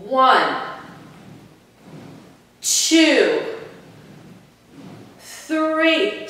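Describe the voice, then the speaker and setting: A woman's voice: high-pitched, fairly bright tone. A woman fitness instructor leading a home workout, counting reps and cueing moves in an upbeat, encouraging way. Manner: upbeat, encouraging, urging listeners on. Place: room in own house. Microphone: camera at a distance, self-filmed. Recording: echoey room, long reverb.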